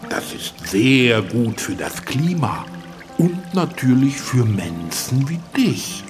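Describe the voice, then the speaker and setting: A man voicing an old, wise talking tree in a children's radio play, slow and chuckling. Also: medium pitch.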